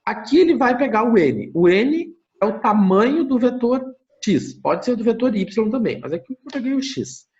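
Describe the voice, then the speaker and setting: A man's voice: extremely high pitch, very animated, moderate pace, a little mellow. Brazilian male lecturer teaching remotely, step-by-step and thinking aloud, with dull lo-fi mic sound. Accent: Brazilian Portuguese. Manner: explains step by step, thinking aloud, often checks in with listeners. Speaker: university lecturer. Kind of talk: online lecture with screen sharing.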